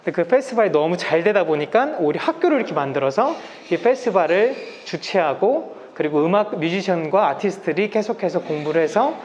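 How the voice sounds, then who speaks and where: A man's voice: high-pitched, lively intonation, fairly quick, few pauses, a little mellow. A man in his thirties from South Korea gives a polite, explanatory public lecture, slightly muffled through a face mask. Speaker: guest lecturer. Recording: masked live talk with background noise.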